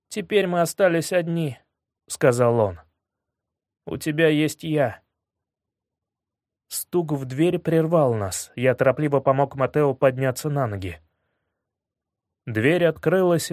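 A man reading a first-person story aloud in a measured way, dropping low and quiet on grim moments. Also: dry recording, studio quality. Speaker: audiobook narrator.

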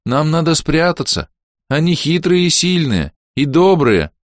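A man performs an earnest young woman speaking urgently and pleadingly, pitching his voice above his natural register. The delivery is a little high with big pitch swings and a measured pace, recorded dry in a clean studio.

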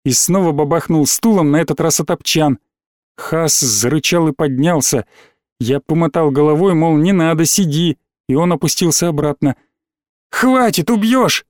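A man narrating a story aloud in a measured, tense storytelling manner. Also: on the high side, a little mellow, no room sound, studio quality. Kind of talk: audiobook narration.

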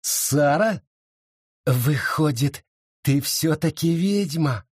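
Brief: man doing a cold, taunting young woman, husky, slow menace, raised pitch, lively swings. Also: no echo, studio quality, full character voice. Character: fierce vengeful young woman, cold and mocking.

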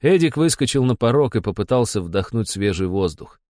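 A man narrating a first-person story with a steady, wry delivery. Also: fairly low pitch, fairly quick, dry recording, studio quality.

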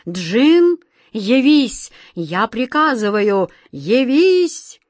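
Lady putting on a bossy whiny old storybook king, slow and loud, goes up high when he panics. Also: animated, no room sound, clean studio sound. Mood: commanding. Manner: imperious, whiny, easily flustered. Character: fretful, pompous old male king. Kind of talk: storybook character voice.

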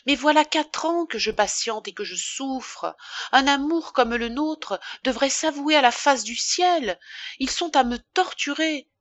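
Impassioned young wife pleading to escape, voiced by a woman reader, raised pitch, dry close sound, audiobook character voice. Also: expressive, measured pace, fairly bright tone, no room sound. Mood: desperate pleading. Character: Emma, desperate young wife pleading to flee.

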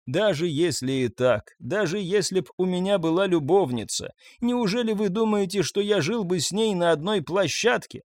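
A man's voice: sits high, lively intonation, normal speed, hardly any pauses, a little mellow, no room sound, clean studio sound, voice pushed up. A man playing an agitated, defensive man brushing off accusations. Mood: indignant. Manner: indignant, flustered.

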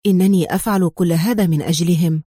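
A woman voicing a bold male secret agent hero who speaks calmly, with mockery and firm command. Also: mid-range voice, a little fast, no room sound, studio quality, close to an everyday voice. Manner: calm, mocking, commanding.

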